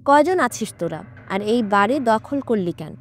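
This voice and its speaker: A woman's voice: a little high, lively intonation, normal speed, pitched below the performer's own voice. A woman doing a stern, mocking male exorcist. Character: calm, commanding male exorcist, young man. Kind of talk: audiobook character voice.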